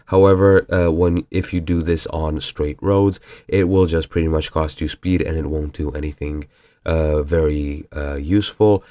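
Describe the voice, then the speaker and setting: A man's voice: very deep voice, steady tone, normal speed, dark tone. A young man with a cold and a nasal voice, casually explaining a video game mechanic as a tutorial host, with fillers and apologies. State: has a cold.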